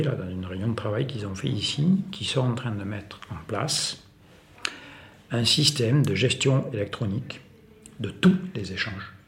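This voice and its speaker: A man with a gravelly, creaky voice gives an emphatic explanatory talk, improvising as he goes. The room adds a clear echo around his medium-pitched voice. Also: darkish tone. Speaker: farmer speaking as an activist. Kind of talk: explanatory political talk, speaking off the cuff. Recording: echoey room recording.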